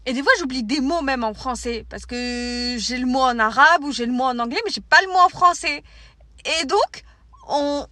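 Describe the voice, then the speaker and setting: A young woman with a French accent, Arabic her first language, chatting to camera in an animated, slangy way. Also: high-pitched, normal speed, dry recording. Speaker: vlogger. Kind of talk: casual talk to camera.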